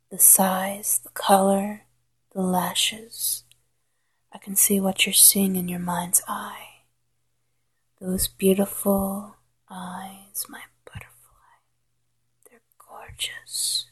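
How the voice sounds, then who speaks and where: A woman whispering a slow, coaxing guided hypnosis roleplay in a soft, intimate voice. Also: medium pitch, flat delivery, husky. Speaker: hypnosis narrator.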